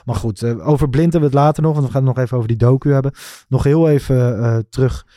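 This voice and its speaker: A man co-hosting a casual football podcast, talking in an animated, chatty way. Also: mid-range voice, fast, no echo, clean studio sound. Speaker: podcast co-host.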